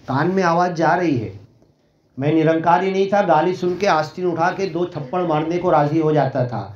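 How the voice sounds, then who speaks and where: A man giving a devotional sermon, moving through rhythmic lists and repeated chant-like phrases. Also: high-pitched. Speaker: spiritual speaker. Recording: echoey room, dull lo-fi sound.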